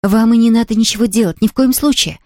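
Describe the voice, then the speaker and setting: A woman reading aloud, voicing an eager, chatty young girl who talks in quick exclamations. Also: medium pitch, a little mellow, no echo, studio quality, close to an everyday voice. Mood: excited. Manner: breathless, rapid, exclamatory.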